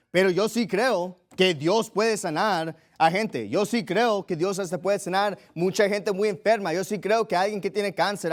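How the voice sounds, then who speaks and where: A man preaching a sermon, reading scripture aloud and then explaining it plainly. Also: high-pitched. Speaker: pastor.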